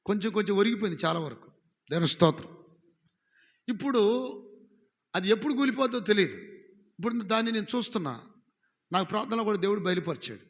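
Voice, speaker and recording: High-voiced Telugu pastor preaching in a hall. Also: male voice, a bit bright, dull audio. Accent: Andhra Telugu. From India. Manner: exhorting, calls congregation to repeat phrases. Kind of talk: sermon. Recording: live sermon with long hall reverb.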